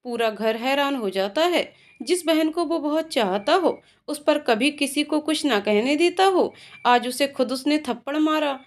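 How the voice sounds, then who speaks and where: A woman's voice: high voice, expressive, unhurried. A woman narrating an emotional storybook tale in a dramatic, scripted way.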